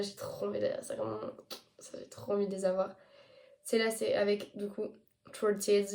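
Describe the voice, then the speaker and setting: A woman's voice: mid-range voice, darkish tone. Tired teenage girl chatting about books. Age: teens. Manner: chatty, hesitant, stumbles over English titles. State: tired and sick. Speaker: book vlogger. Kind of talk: casual chat to camera.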